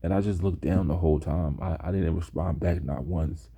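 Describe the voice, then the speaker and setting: Deep, dark-voiced young man telling stories. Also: husky. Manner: laid-back, slow, with mimicked voices of classmates. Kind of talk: casual storytelling.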